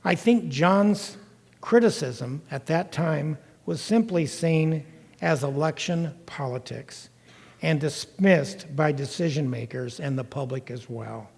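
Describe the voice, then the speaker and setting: An older man speaks in a reverberant lecture hall, his voice pitched a little higher than most men's. He lectures in the first person, explaining things directly to his listeners and leaning on key points with emphasis. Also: slow, creaky, darkish tone, breathy edge. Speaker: guest lecturer recounting time in county government.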